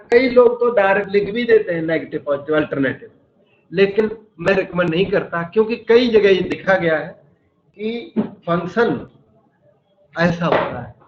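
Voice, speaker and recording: In an echoey classroom with slightly dull audio, a man with a high voice teaches maths at a moderate pace, explaining each step and questioning the class.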